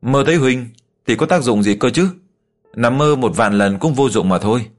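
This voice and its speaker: A man voicing a shy, lovesick young woman who speaks softly and stammers. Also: mid-range voice, expressive, normal speed, soft background music, natural voice. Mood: bitter. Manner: soft, hesitant, stammering.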